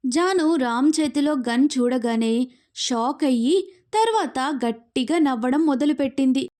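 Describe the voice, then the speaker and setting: A woman storyteller narrating a romantic audio story. Her voice is high and she reads expressively, keeping the scenes lively. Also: unhurried.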